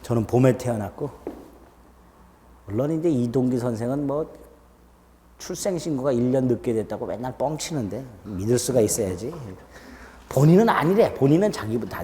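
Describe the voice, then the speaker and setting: Middle-aged male law lecturer, animated pitch, chatty asides and murmurs, lecture hall with long reverb. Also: fairly quick, long pauses, slight background noise. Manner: chatty, self-teasing, drops to low murmurs. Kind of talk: classroom lecture with joking asides. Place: lecture room with students.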